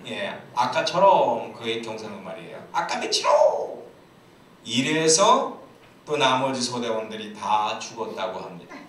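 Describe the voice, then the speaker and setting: A pastor delivers a sermon in a church sanctuary, cracking jokes and spinning playful stories. His mid-range voice has a fairly bright tone. The very echoey hall is captured from a distant mic, with a faint hiss in the background.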